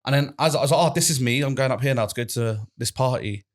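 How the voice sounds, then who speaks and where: A man's voice: medium pitch, quick pace. A young man, telling a rambling story in casual podcast chat, swearing and laughing along. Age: 20s. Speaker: podcast co-host.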